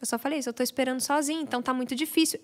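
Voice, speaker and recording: A young woman, a podcast guest, telling a personal faith testimony in an animated, storytelling way. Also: sits high, racing. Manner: animated storyteller, acts out quoted prayers. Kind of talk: casual testimony chat.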